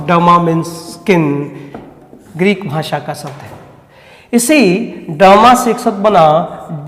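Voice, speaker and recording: Slow, high-voiced man teaching vocabulary. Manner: asks questions and answers them himself; repeats key words slowly. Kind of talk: vocabulary lesson. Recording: echoey room with long reverb.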